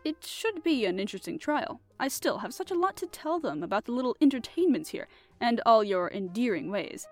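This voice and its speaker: A woman reading an audiobook voices a young gentleman adventurer who speaks in a dry, lazy, teasing manner. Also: a little high, sing-song, brisk, faint music behind.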